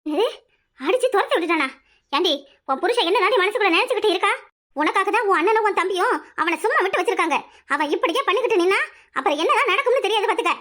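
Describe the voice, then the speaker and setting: A woman voicing a protective, scolding village mother with a Kanyakumari Tamil accent in a cartoon, firing quick questions. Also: very high-pitched, lively intonation, a bit bright. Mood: worried.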